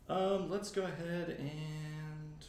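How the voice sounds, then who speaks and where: A male card player with a fairly high voice talks his turns through haltingly, with lots of ums. The room is echoey, and a faint hiss sits under his voice. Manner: hesitant, full of ums, self-mocking. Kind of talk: casual game talk.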